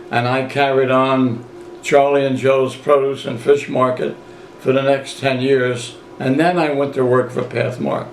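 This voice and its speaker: A man in his eighties reminisces casually during an interview, a folksy storyteller who repeats phrases and quotes people as he talks. His voice is mid-range. The home recording is roomy and echoey, with a little hiss or hum.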